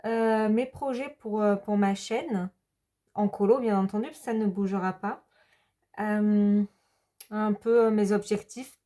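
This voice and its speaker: A woman, talking in a rambling, hesitant way in a casual chat vlog, with many pauses. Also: mid-range voice, fairly even intonation, mellow. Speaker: hobby vlogger.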